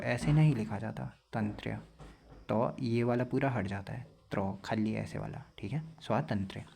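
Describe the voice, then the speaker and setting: Gravelly husky male teacher explaining spellings. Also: medium pitch, a little mellow. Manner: explains plainly, repeats words slowly to correct them. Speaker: exam-prep teacher. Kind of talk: casual spelling lesson.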